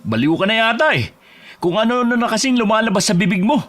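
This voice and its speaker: A man's voice: mid-range voice, fairly quick, lightly acted. An actor playing a bus driver and husband who has turned curt and defensive, snapping and raising his voice. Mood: hostile. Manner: curt, bristling, flares into shouting. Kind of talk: audio drama acting. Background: music.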